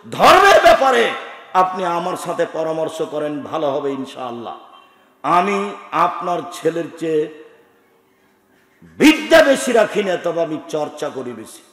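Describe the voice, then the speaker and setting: A middle-aged man from Bangladesh, preaching a sermon forcefully, swinging from loud shouted lists to low asides. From Chapainawabganj, Bangladesh. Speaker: teacher and scholar. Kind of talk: Bengali sermon. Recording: echoey hall with long reverb.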